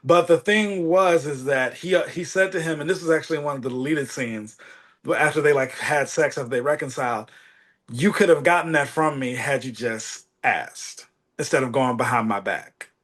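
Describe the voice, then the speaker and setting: A man's voice: mid-range voice, normal speed, fairly bright tone. A man co-hosting a podcast in casual chat, who tells stories at length and hedges his views with slangy asides. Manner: storytelling, hedging with slang asides. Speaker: podcast co-host.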